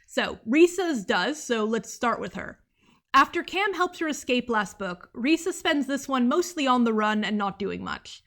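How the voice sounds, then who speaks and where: A young American woman reads a scripted book review video essay in a fairly high, expressive voice with a fairly bright tone. She goes a little slowly, earnest and analytical, though she wanders into asides now and then with small laughs along the way.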